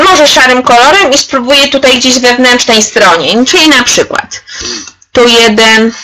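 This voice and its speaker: A woman's voice: on the high side, bright, forceful tone, rough recording. Upbeat woman trainer leading a webinar. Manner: chatty and encouraging, addresses participants by name. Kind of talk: live online workshop demonstration.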